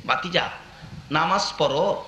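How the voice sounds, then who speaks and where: A low, sneering tormentor growls his threats, put on by a male preacher mid-sermon. The voice sinks far below the man's usual pitch and turns quieter and menacing. The sound rings with room echo. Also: slow, slight background noise. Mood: taunting. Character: cruel, mocking adult male tormentor. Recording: echoey live sermon audio.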